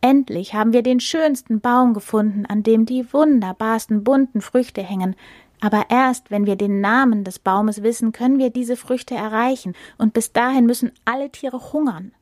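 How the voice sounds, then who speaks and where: Brief: woman voicing a proud young gazelle, lifted pitch, urgent and pleading. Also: moderate pace, darkish tone, no room sound, studio quality, natural voice.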